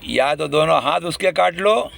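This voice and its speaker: A man's voice: a little high, unhurried, creaky, a bit bright, faint music behind. A man speaking to the public in a casual monologue, indignant and complaining.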